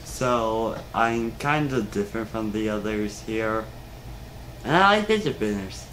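A man's voice: lowish voice, lively intonation, measured pace, fairly bright tone, a little hiss or hum, low-quality recording. A young man chatting casually as a contestant in an amateur game show at home. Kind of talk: casual chat. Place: cluttered home games room, indoors.

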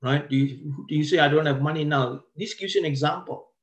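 A man presenting a wealth seminar as a lecture. He slows down to stress key words and often breaks off and restarts his sentences. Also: fairly high pitch.

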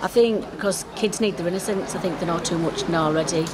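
A woman's voice: lowish voice, fast talker, heavy background noise. A middle-aged woman answering hesitantly in a street interview, often repeating herself. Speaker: passer-by interviewee. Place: outdoor town street.

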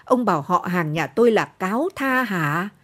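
Shrewish older countrywoman, loud and shrill, husky edge, read by a woman narrator. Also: expressive, normal speed. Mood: wailing. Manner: scolding, shrill, loud outbursts. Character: fierce older peasant woman, shrewish and combative.

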